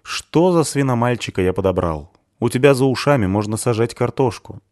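A man voicing a gruff, sardonic ex-soldier who talks rough and dry while looking after a boy. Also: mid-range voice, a little fast, a little mellow, no room sound, voice pushed up, close to an everyday voice. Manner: dry, mocking, rough-spoken. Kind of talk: audiobook character reading.

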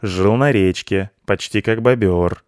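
A man voicing a grumpy, belligerent male companion who grumbles gruffly. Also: lowish voice, measured pace, no echo, studio quality, natural voice. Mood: grumbling.

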